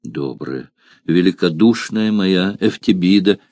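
Guy doing a huge germanic warrior begging for forgiveness, deep low dark voice, storybook reading. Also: animated, takes it slowly, no echo. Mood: tender. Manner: pleading, impassioned. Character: giant passionate Germanic warrior man, lovesick.

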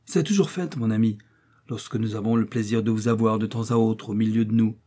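A gracious wife and mother speaks gently but with noble earnestness, as a man reads her part. The voice is lifted above the reader's own. It has a mellow, husky grain. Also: lowish voice, a little fast, natural voice. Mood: earnest.

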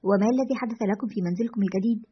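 A woman's voice: medium pitch, very fast, husky. A woman voicing a man radio host who speaks firmly and gives instructions. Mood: smooth. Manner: firm, instructing. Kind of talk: storytelling narration. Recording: lo-fi dull audio.

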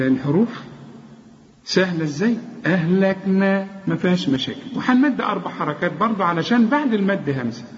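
A man with an Egyptian accent teaching Quran recitation rules. He asks quick rhetorical questions, then slowly chants example words. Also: sits high, long reverb tail, dull audio. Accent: Egyptian Arabic. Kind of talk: tajweed lesson.

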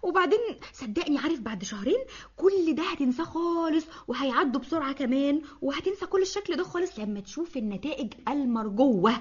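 An actress playing a fussy young wife with an Egyptian accent, whiny and pleading in a comic radio sketch. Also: female voice, high-pitched, lively intonation, quick pace. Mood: teasing banter. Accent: Egyptian Arabic. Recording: dull lo-fi radio archive.

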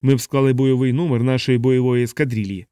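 A man voicing a sardonic young bomber captain in a hospital bed, speaking in a deadpan, mocking way. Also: mid-range voice, quick pace, clear, resonant tone, dry recording, studio quality, lightly acted.

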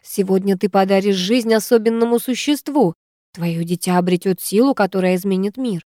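Woman voicing a young witch, commanding, solemn, mellow voice, dry recording. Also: mid-range voice, no echo, close to an everyday voice. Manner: commanding, solemn, chanting slowly.

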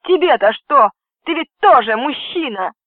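A man's voice: extremely high pitch, lively intonation, unhurried, no echo, voice pushed up. A man reading an audiobook, voicing a distraught young woman who sobs and lashes out in anguished outbursts. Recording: dry, tinny phone-like audio.

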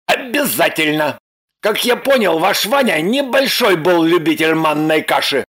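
Man voicing a husky bossy fugitive. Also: on the high side, expressive, unhurried, fairly bright tone. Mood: insistent, bossy. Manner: blunt, insistent and bossy. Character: pushy demanding man on the run. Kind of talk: audiobook character voice.

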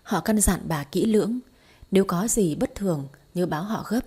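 A woman reading a romance story aloud in steady, scripted audiobook narration. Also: medium pitch, normal speed, breathy edge.

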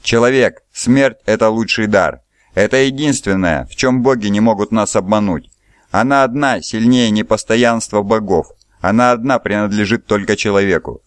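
A man's voice: on the low side, moderate pace, clean tone, dry recording, close to an everyday voice. A man voicing a capricious, cruel old king who talks merrily, with cackling laughs. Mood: musing. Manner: merry, cackling, suddenly roaring.

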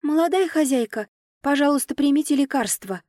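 A woman voicing an eager young serving girl with a ringing, high voice in an audiobook. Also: fairly quick, mellow, no echo, studio quality, natural voice. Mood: excited.

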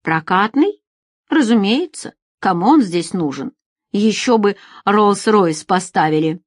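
Woman reader doing a lazy, condescending young secretary, shrill, dry close sound. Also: animated, unhurried, no echo. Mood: bored. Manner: condescending, shrill when irritated.

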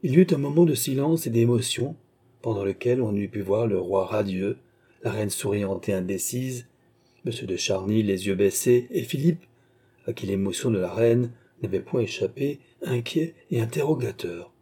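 A man reading a classic French novel aloud as audiobook narrator, in a measured, literary manner. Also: lowish voice, mellow, slightly rough. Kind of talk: scripted narration.

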